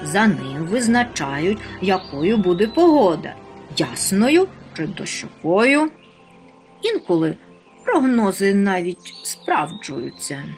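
A woman doing a calm fatherly creature. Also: medium pitch, slow pace, faint music behind. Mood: explaining. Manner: calm, explaining. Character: kindly fatherly storybook creature, wise.

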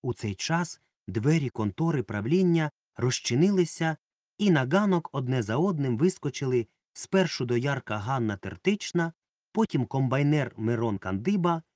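A man narrating a children's story aloud with expressive delivery. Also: mid-range voice, dry recording, clean studio sound. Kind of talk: audiobook narration.

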